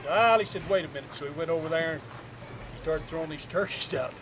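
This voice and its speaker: Man, rural yarn-spinner, slightly raised pitch, loud noise behind. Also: fast. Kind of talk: campfire storytelling. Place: outdoors at a gathering. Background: outdoor noise.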